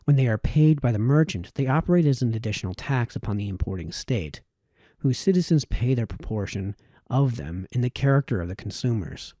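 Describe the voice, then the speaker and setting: In an audiobook-style reading of a formal old essay, an amateur male reader uses a very dark, soft-edged voice at medium pitch, animated yet measured, tripping on a word now and then. There's no echo; the sound is dry and close with little room around it.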